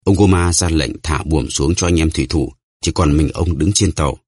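Brief: man doing old sunburnt sailor, earnest report, deep dry tone. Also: moderate pace, darkish tone, breathy edge, no room sound. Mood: urgent. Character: old weathered male sailor.

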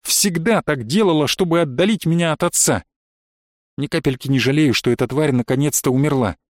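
A man narrating a first-person story in a measured storytelling voice. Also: fairly high pitch, no echo, studio quality.

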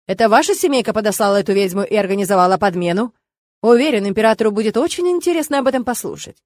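A woman's voice: mid-range voice, expressive, very fast, darkish tone, close to an everyday voice. A woman reading an audiobook, voicing an irritable male hunter who speaks in a mocking, spiteful way.

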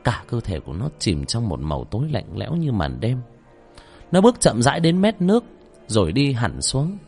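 A male storyteller tells a ghost tale in a lively, swinging voice. He shouts out names when the tension peaks. Soft music plays faintly behind him. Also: mid-range voice, normal speed, slightly rough. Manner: shouts out names during tense scenes. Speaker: storyteller and host. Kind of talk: dramatic horror story narration.

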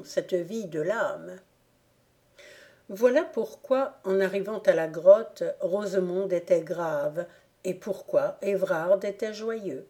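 A woman reading a classic novel aloud as an audiobook narrator, in a slow, deliberate manner. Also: mid-range voice, mellow. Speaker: audiobook reader. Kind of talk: scripted narration.

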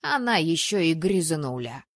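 A woman's voice: low voice, very animated, unhurried, no room sound, clean studio sound, exaggerated voice. A woman voicing a cantankerous old male ghost who scolds and grumbles at everyone. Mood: scolding. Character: grumpy old male ghost, a fussy disapproving father.

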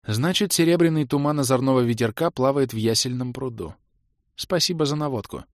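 A man's voice: mid-range voice, brisk, no room sound, lightly acted. A man voicing a proud young baroness who talks in a sarcastic, grumbling way, in a dry, close recording. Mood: explaining. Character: sharp-tongued proud young woman, a baroness.

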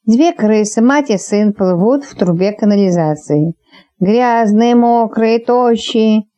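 A woman narrating an audiobook, reading lively and shifting her pitch to voice each character. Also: slow.

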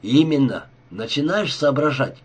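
A scheming male gangster with a sarcastic, sneering edge, delivered in a husky, breathy voice, as a man reads him out. He talks down to his partner with cold irony, the audiobook voice pitched at an ordinary middle height. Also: expressive, measured pace. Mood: scornful. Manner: sneering, ironic.

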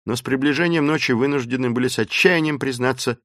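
A man's voice: mid-range voice, fast talker, a bit bright, no echo. Male storyteller with a dry, close sound. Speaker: audiobook narrator. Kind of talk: dramatic storybook narration.

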